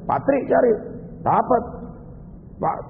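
A man's voice: extremely high pitch, big pitch swings, slow, a little hiss or hum. A man giving a religious lecture, telling stories with animation and acting out the people he quotes. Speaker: preacher. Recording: tinny phone-like sound in a reverberant hall.

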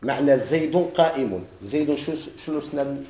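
A man's voice: mid-range voice, expressive, normal speed, warm tone, echoey room. A man with a Moroccan Arabic accent teaching a grammar lesson to a class, posing questions and answering them himself.

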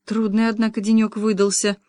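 A woman's voice: mid-range voice, level tone, brisk, dark tone, no echo. Woman reading a wry audiobook. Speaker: audiobook narrator. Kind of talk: first-person audiobook narration.

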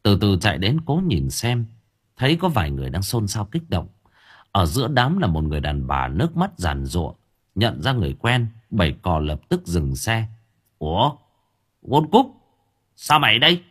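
A man narrates an audiobook story in a deep, low voice with a husky edge. His delivery rises and falls expressively, carrying the tale with lively intonation. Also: normal speed.

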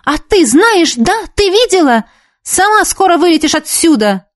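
A shrill, indignant teenage ballet girl, put on by a woman reader. She snaps in a very high, exasperated voice, accusing and fed up, in a dry close sound. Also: very animated, normal speed, no echo.

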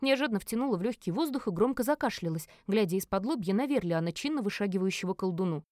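A woman narrates a first-person fantasy novel with an expressive, dramatic reading. Her voice sits at an ordinary pitch. The recording is dry, with no room sound. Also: fast, no room sound. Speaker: audiobook narrator.

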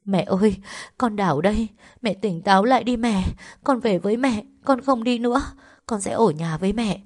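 A woman's voice: fairly low pitch, normal speed, darkish tone, close to an everyday voice. A woman voicing an eighteen-year-old village girl, earnest and polite, who pleads and insists with her family. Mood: desperate pleading.

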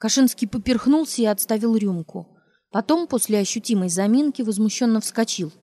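A woman narrating a novel in a measured, even storytelling manner. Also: fairly high pitch. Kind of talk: audiobook narration.

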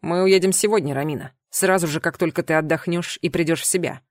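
A woman reading an audiobook, voicing a protective, tender young male knight in a soft, earnest, half-whispered way. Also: fairly low pitch, fast, no room sound, studio quality, voice pushed down, close to an everyday voice. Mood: calm, serious. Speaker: audiobook reader. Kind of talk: audiobook character voice.

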